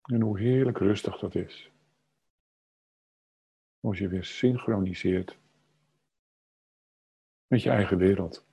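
A man leading a guided meditation, speaking calmly and unhurriedly in short phrases with long pauses and a husky, soft-edged voice. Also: lowish voice. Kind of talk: slow guided meditation narration.

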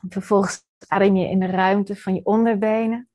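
A woman leading a guided body-scan meditation as a teacher, gently and soothingly with pauses, in a slightly husky, breathy voice. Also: medium pitch, fairly even intonation.

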